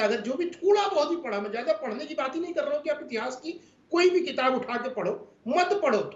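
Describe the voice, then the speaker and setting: A man arguing his point emphatically as a panelist in a TV news debate. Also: very high voice. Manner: emphatic, lecturing. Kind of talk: TV debate argument. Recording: roomy, dull remote audio.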